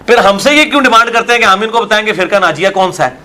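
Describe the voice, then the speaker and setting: A man's voice: high-pitched, lively intonation, fast talker, bright, forceful tone. A man, a religious scholar arguing his view in an interview and asking rhetorical questions. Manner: argumentative, full of rhetorical questions.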